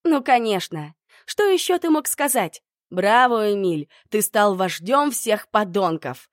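A woman voicing a hurt, furious young woman who shouts through tears. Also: a little high, animated, moderate pace, no room sound, studio quality, voice pushed up, lightly acted. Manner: tearful, shouting.

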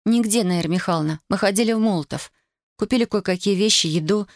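A woman reading the part of a young woman who gently tries to calm her elders. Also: mid-range voice, fast, dry recording, clean studio sound, lightly acted. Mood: placating. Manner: hesitant, placating.

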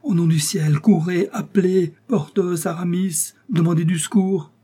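An impulsive young swordsman cries out in urgent bursts, as a male reader acts him. The voice jumps well above the reader's usual pitch and gets loud. Underneath it stays dark and husky. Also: lively intonation, unhurried, heavily acted. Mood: frantic.

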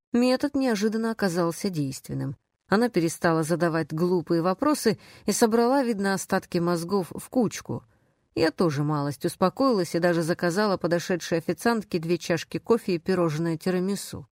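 A woman narrating a first-person detective story as an audiobook, in a sardonic, brisk and expressive way. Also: on the low side, no echo, studio quality.

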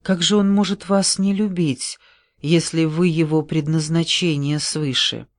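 A man reading an audiobook, voicing a gentle, flustered giant of a man who speaks slowly and hesitantly. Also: fairly high pitch, steady tone, dry recording, studio quality. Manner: slow, hesitant, breathless delivery.

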